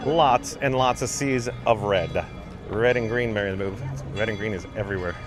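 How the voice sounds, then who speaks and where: A man's voice: on the low side, normal speed. A man hosting a casual live vlog outdoors at a theme park, with chirpy, playful, folksy patter. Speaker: livestream vlog host. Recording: busy outdoor crowd with background music.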